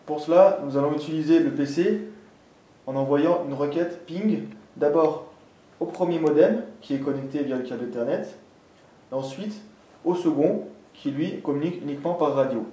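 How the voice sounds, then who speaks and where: A mellow, mid-range male voice guides listeners through a technical tutorial step by step, in a methodical teaching manner. He's indoors at a desk with a green backdrop behind him. The recording has a distant mic, an echoey room, and faint noise.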